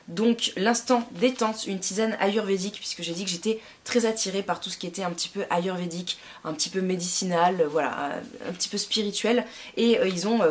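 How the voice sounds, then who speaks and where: A woman's voice: medium pitch, a little hiss or hum. A young woman chatting enthusiastically as she presents a tea subscription box, with frequent hesitations. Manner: chatty and enthusiastic, many fillers. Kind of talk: casual unboxing vlog.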